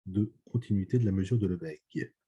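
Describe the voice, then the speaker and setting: Male math teacher, low dark husky voice, halting lecture delivery with constant "d'accord?" checks. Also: muffled recording. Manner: hesitant, many fillers and checks for understanding. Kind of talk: online lecture.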